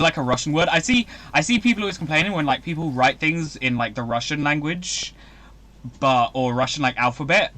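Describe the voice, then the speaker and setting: A young man chatting casually as he streams a video game, rambling and breaking into excited outbursts. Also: medium pitch. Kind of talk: casual live-stream commentary.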